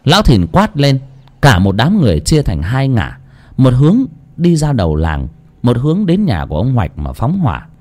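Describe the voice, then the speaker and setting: A man's voice: medium pitch, wildly swooping pitch, normal speed, a little mellow. A man narrating an audiobook story dramatically.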